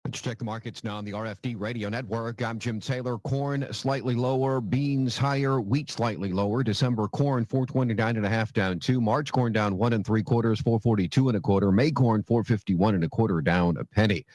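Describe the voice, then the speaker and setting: A man's voice: fairly low pitch, normal speed, few pauses, darkish tone, dry recording. A man reading stock prices as a radio market reporter, in a scripted farm commodity report with clipped listing of figures.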